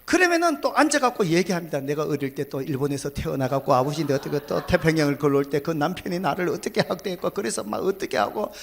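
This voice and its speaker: A male pastor, preaching a sermon, swinging between loud exclamations and hushed whispers. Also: fairly high pitch, animated, quick pace, gravelly, hardly any pauses.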